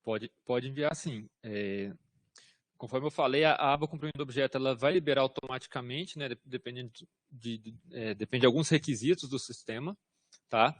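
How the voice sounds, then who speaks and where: In an online workshop, a man from Brazil who teaches government systems responds to questions casually, using hesitant fillers and a recurring "tá?" to check in. He speaks fairly quickly in a mid-range voice; the recording is studio quality with no echo.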